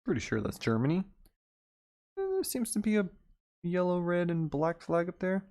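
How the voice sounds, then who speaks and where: A man's voice: high-pitched, big pitch swings, normal speed, a little mellow. A man hosting an investing livestream, reading news items aloud and then chatting loosely about them with asides and small chuckles. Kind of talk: casual live-stream commentary.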